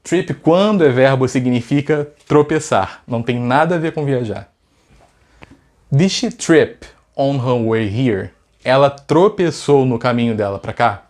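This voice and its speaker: A man's voice: medium pitch, animated, measured pace, darkish tone. Brief: chatty Brazilian male teacher, casual lesson, keeps asking the viewers questions. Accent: Brazilian Portuguese. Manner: chatty, asks rhetorical questions. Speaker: English teacher.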